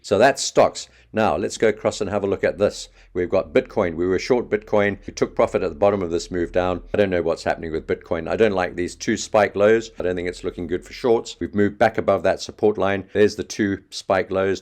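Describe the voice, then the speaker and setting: A man giving a quick, chatty trading market update, talking fast and offhand. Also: low voice, darkish tone. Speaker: market analyst.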